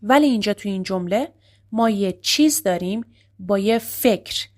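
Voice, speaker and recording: A woman's voice: mid-range voice, expressive. Persian-accented woman teaching English grammar. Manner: reads English examples slowly and deliberately, explains quickly. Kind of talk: grammar lesson explaining story sentences.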